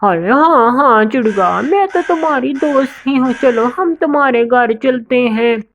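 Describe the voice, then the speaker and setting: A woman's voice: sits high, lively intonation, measured pace, slight background noise. A woman voicing a scheming female cartoon crow who sweet-talks in a sugary, fawning way.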